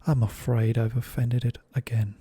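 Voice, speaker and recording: A man voicing a polite, eager young girl in a soft whispered role-play. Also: mid-range voice, a little slow, creaky, dry recording. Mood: earnest. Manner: earnest, eager, soft-spoken.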